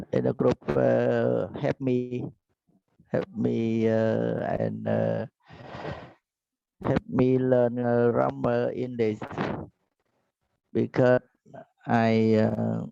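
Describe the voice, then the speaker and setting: A man's voice: medium pitch, little pitch movement, extremely slow, vocal fry, pauses often, mellow. A man, an English learner answering hesitantly and apologetically in an online discussion, repeating words. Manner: hesitant, stammering repetitions, apologetic. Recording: slightly dull phone audio.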